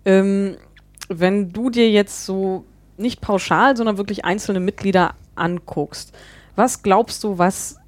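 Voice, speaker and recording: A woman hosting a casual podcast, playful and quick to laugh, steering the talk with questions. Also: medium pitch, dry recording. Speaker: podcast host.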